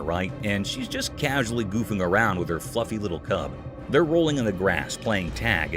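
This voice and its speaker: A man giving a scripted narration in a chatty, folksy storytelling tone. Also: lowish voice. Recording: clear music bed behind. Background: music.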